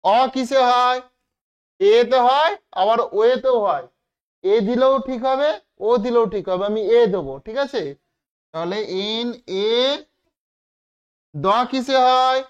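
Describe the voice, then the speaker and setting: A woman teacher giving a classroom lesson to children, spelling out words slowly letter by letter and checking that everyone understands. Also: on the high side, smooth. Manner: slow, step-by-step spelling out of letters. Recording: dull lo-fi recording.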